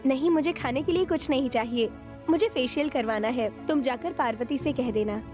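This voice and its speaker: An actress playing a young wife of a wealthy house who speaks politely but firmly, with music playing behind. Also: female voice, high-pitched, moderate pace, a little mellow, close to an everyday voice. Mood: demanding. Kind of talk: TV serial dub acting.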